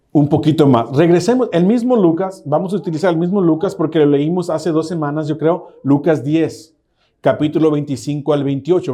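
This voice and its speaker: A man teaching a Bible study sermon to his congregation, reading scripture slowly and asking listeners to repeat key words. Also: fairly high pitch, mellow. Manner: reads scripture slowly and deliberately.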